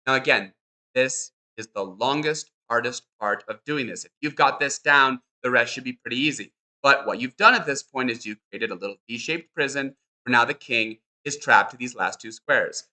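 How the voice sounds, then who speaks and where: Bright, upbeat male chess teacher. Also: medium pitch, normal speed. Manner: upbeat, repetitive, encouraging. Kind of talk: chess lesson with board demonstration.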